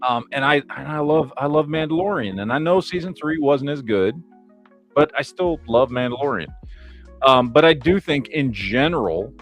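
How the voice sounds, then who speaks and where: A man hosting a casual live stream chat, talking in an animated way with lots of "you know what I mean.". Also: mid-range voice, moderate pace. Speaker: show host. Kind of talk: casual chat about toys and films. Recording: live stream with faint background music.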